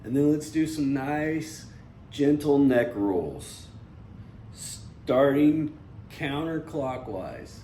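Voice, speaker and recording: A man's voice: on the high side, lively intonation, extremely slow, warm tone. A young man leading a seated workout, talking in a casual, candid way and often saying "you know". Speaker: seated fitness instructor. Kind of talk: guided workout instruction. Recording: roomy with faint noise.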